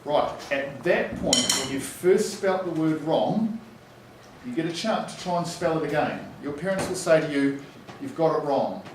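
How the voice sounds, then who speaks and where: A man teaching in a classroom manner, giving slow school dictation and spelling words out letter by letter. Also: a little high, lively intonation. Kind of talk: classroom explanation with spelling aloud, informal. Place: echoey indoor room. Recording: echoey room, distant mic, background noise.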